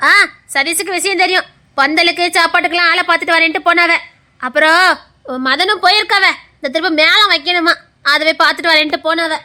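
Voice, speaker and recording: An actress playing a bossy, motherly elder sister-in-law, speaking with a Tirunelveli accent in a brisk, scolding way. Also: extremely high pitch, steady tone, bright, forceful tone, exaggerated voice. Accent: Tirunelveli Tamil. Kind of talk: web series acting.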